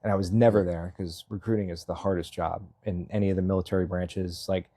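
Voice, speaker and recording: A selectboard candidate appears as a casual interview guest: a man in his thirties from Massachusetts with a low, mellow voice, a level tone and a brisk pace. He meanders through his answers with lots of fillers, self-deprecating humor and frequent chuckling. The recording is dry and studio-clean.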